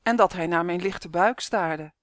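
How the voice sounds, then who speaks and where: A woman's voice: on the low side, unhurried, no room sound, studio quality, close to an everyday voice. A woman voicing an earnest young boy who pleads with and reassures his friend. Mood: thoughtful. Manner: pleading, urgent.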